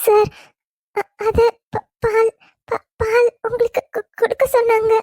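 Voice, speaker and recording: A very high, dark-toned voice of a shy young bride, as a woman acts her out. She stammers over her words and pleads in a meek, apologetic way. The sound is dry and close to the mic. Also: flat delivery, unhurried, no echo. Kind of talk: cartoon voice acting.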